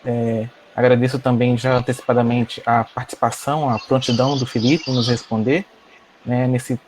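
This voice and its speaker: A young man with a Brazilian accent introduces a guest in a halting, formal way, repeating himself as he goes. His pitch is middling and there is faint noise on the video call. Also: little pitch movement. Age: young adult. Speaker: student co-host introducing the guest. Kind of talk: formal but unscripted introduction.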